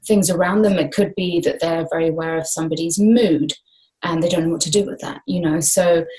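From a small room, a woman in her thirties speaks as a guest on a laptop video call, briskly and in a lowish voice. Her manner is casual and lively, with wide gestures of both hands. The webcam microphone yields a rough recording.

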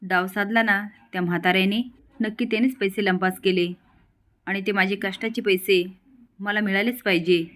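A scheming young village man, as a woman storyteller plays him, greedy under a placating manner. He speaks at an ordinary pitch, soothing on the surface. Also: steady tone, normal speed, fairly bright tone, lightly acted.

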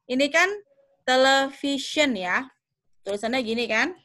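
A woman's voice: a little high, unhurried, pushed and bright. A young woman teaching a class. She explains patiently, corrects herself aloud and keeps asking whether the students understand. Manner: patient, checks understanding often; thinks aloud with fillers and self-corrections. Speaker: English teacher.

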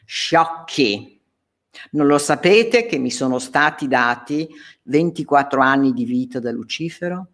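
A woman teacher works through an English story line by line. She reads and explains at an unhurried pace, and her pitch rises and falls freely. Short pauses and restarts break up her explanations. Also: animated. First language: Italian. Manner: slow, explaining line by line, with hesitations. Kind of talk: reading and translating a story in a lesson.

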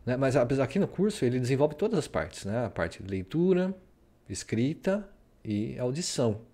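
A man's voice: mid-range voice, sing-song, moderate pace, warm tone. A man from Brazil talking casually about his study routine while sharing his screen, rambling and tagging "né?" onto many sentences. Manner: rambling, full of "né?" tags. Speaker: vlogger. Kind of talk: casual screen-share talk.

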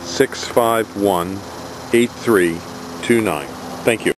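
A man selling plants from his nursery in a homemade pitch, salesy and repetitive. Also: takes it slowly. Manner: salesy, repeats phone number. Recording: outdoor camera audio with faint noise.

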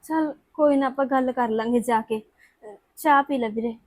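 A woman playing a very high-voiced grieving wife. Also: moderate pace, a little mellow. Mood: subdued. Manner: insistent, tearful pleading. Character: grieving young wife demanding justice. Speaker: sister-in-law in the family.

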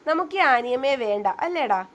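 Teasing young husband, bantering and mock-stern, high-voiced, read by a woman storyteller. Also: expressive, moderate pace, slight background noise. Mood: playful.

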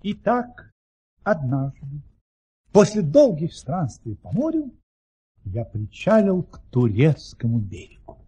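An actor playing a suave, boastful baron telling tales in an audio play, with a courtly, florid and theatrical manner. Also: male voice, fairly high pitch, big pitch swings, slow pace, warm tone, breathy edge, full character voice. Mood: storytelling. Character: suave, boastful gentleman baron, obliging storyteller adventurer.

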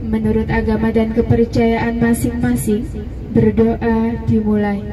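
A woman's voice: on the high side, completely flat delivery, unhurried, background noise. A woman giving a polite, formal scripted passenger announcement in the manner of a flight attendant, recorded inside a coach. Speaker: bus flight-attendant-style stewardess. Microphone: phone in a seat, far from speaker. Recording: distant cabin speaker with music behind.

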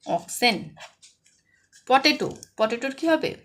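A woman with a high voice and a West Bengal accent gives an online lesson to young children. She asks a question, then answers it herself. Each English word comes out slow and clearly stressed. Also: lively intonation, a bit bright. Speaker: primary school English tutor.

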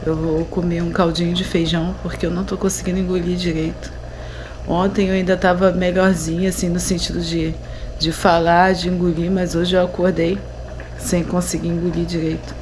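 A Brazilian vlogger in her thirties, hoarse from a sore throat, holds her phone at arm's length for a casual home vlog inside a house under renovation. She speaks with a Brazilian Portuguese accent at a fairly low pitch, chatting and addressing viewers often, while the echoey room carries clear background noise.

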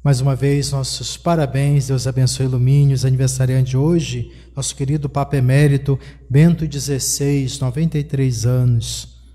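A middle-aged Brazilian priest leads Mass from the altar of a small chapel. His voice is mellow and dark, and he draws out his prayers in a slow, measured way. The sound carries a long reverb around the room. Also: medium pitch, steady tone. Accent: Brazilian Portuguese. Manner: measured liturgical delivery with slow drawn-out prayers. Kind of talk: leading a livestreamed Mass. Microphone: stand mic on the altar.

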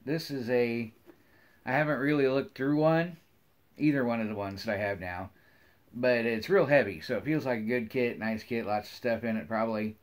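Indoors in a wood-paneled room at home, a middle-aged American man chats casually with viewers as a hobby vlogger. He rambles in a folksy way, often repeating phrases, at a normal speed and medium pitch.

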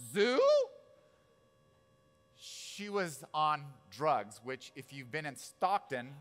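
A man's voice: medium pitch, a bit bright. Male pastor, 40s, conversational sermon, tells stories and keeps checking in with the congregation. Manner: casual storytelling with asides and audience questions.

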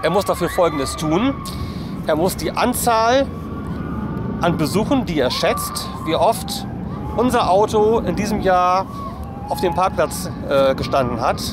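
A German-accented man in his forties, his voice sitting high and expressive, presents a casual family vlog at a measured pace. He's outdoors at an amusement park by a lake, holding the camera at arm's length, with background noise around him.

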